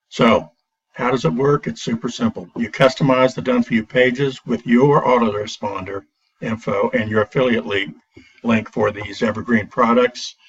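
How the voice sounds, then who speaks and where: A man's voice: medium pitch, fairly bright tone, slightly rough. A man giving a casual product review, recorded through a built-in laptop computer mic, talking in a hesitant way with frequent "uh" fillers and restarts. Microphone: built-in computer microphone. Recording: dull lo-fi laptop mic, distant.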